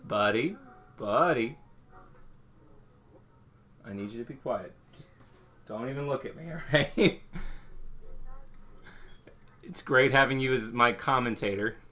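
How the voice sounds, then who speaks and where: A young man, a father, talking casually to camera at home, often rambling and restarting his sentences, and gently hushing with patient reassurances. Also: medium pitch, slow, long pauses. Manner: rambling, self-correcting restarts. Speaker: father vlogging. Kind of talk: casual talking-head vlog. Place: at home indoors.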